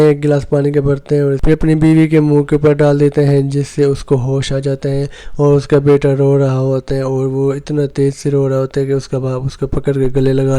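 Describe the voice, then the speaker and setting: A man retelling a film's story in a steady recap voice. His pitch sits fairly high but barely moves, and his tone is dark and mellow throughout. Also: clean tone. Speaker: movie recap narrator. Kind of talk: retelling a film plot.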